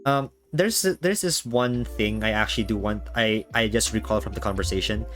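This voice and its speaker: A man's voice: lowish voice, a bit bright. Male talk-stream host, conversational, stop-start phrasing with repeated words, backed by music. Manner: halting, repeats words while thinking. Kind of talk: casual chat. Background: background music.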